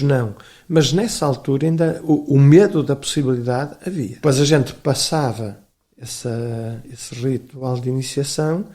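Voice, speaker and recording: An older man with a European Portuguese accent, a historian appearing as an interview guest, tells rambling anecdotes in conversational storytelling. His medium-pitched voice is warm, and he hesitates and restarts often.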